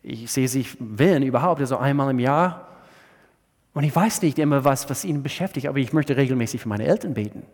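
A man preaching a sermon, swinging between loud emphatic lines and soft hushed asides, often restarting his sentences. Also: mid-range voice, lively intonation. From USA. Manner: halting, with frequent restarts. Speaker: pastor. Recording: reverberant hall.

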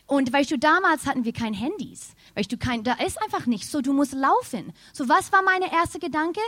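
Animated woman preaching, German. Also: high voice, moderate pace, no room sound. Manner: animated storytelling, addresses congregation directly. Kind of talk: sermon with personal story.

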